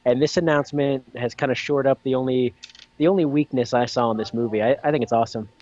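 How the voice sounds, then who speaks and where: A man's voice: mid-range voice, steady tone, fast talker, a little mellow, lo-fi sound. A man co-hosting a casual podcast, opinionated and loose with fillers. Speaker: podcast co-host.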